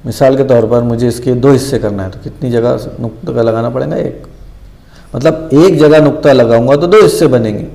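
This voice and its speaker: A man walks through a math lesson, repeating each step and quizzing himself aloud. His voice is gravelly and mellow, with a dark tone. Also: medium pitch. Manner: patient, repeats steps, asks and answers his own questions. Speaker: math teacher.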